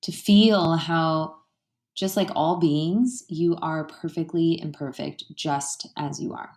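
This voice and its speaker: In an echoey, roomy space, a low-voiced woman leads a meditation. She speaks gently and without hurry in a steady tone, with soothing phrasing and pauses between her thoughts.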